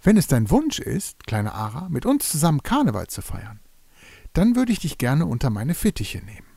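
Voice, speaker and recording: A man voicing a gentle, ceremonious male carnival jester who welcomes a newcomer in a storybook tale. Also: medium pitch, wildly swooping pitch, normal speed, gravelly, slightly rough, no room sound, heavily acted. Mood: kindly. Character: warm, kindly male carnival jester spirit.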